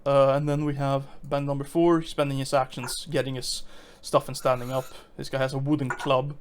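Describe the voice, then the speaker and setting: A man's voice: mid-range voice, little pitch movement, moderate pace, a little hiss or hum. A man running a tabletop game as game master, talking casually with frequent fillers, restarts and chuckles.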